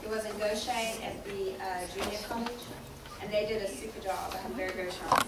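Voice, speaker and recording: A woman's voice: medium pitch, fairly even intonation, fairly quick, heavy background noise. A woman teacher, speaking briefly and proudly about her students at a meeting, heard from a far camera. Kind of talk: casual remarks at a meeting. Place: large meeting room with audience. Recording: echoey room from far off, loud crowd.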